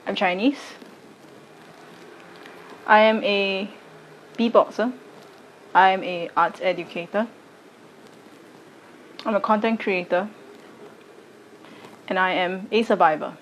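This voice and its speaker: A woman, giving a slow, deliberate personal statement to camera. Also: mid-range voice, a little hiss or hum, low-quality recording. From Singapore. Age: late 20s. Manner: slow, deliberate, measured delivery. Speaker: arts educator and content creator.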